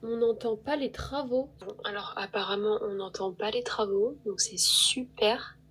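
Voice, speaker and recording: A woman's mid-range voice, darkish with a breathy edge, moves at normal speed and sounds nasal from her cold. She chats loosely for her vlog, rambling and joking about herself, using a lapel mic into a phone.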